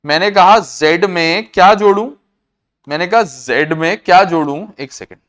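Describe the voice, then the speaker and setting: A man with an Indian accent teaching a maths class, explaining each step slowly and repeating himself. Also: high voice, a bit bright. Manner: repetitive, explains step by step, often says "I said". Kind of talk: classroom lecture to students.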